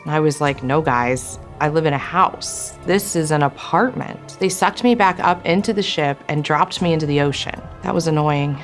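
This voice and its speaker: Low-pitched woman, matter-of-fact, kinda exasperated, soft music behind. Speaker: interviewee. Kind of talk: mock testimonial.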